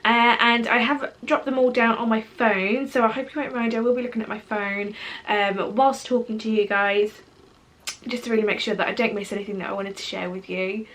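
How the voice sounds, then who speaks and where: A woman's voice: a little high, steady tone, fairly quick, fairly bright tone. A woman in her twenties with a British accent, chatting casually to camera as a vlogger, rambling and full of fillers. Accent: British English. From Portugal. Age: 20s.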